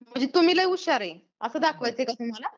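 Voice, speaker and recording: Blunt and questioning, a woman with a Maharashtrian accent chats casually on the phone as a YouTuber receives a prank call. Her high-pitched voice is fast with lively intonation, and the recording has a dull, lo-fi phone quality.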